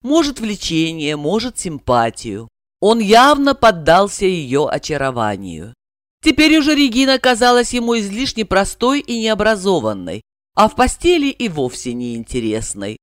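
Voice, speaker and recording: A woman narrating an audiobook drama with a lively, dramatic reading style. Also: mid-range voice, moderate pace, dry recording, clean studio sound.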